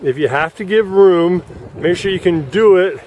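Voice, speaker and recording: A man whose voice sits high and a little mellow talks at a moderate pace from a yacht club dock. He offers live, coaching-style commentary on a sailing race and explains the rules as boats pass, with faint wind noise outdoors.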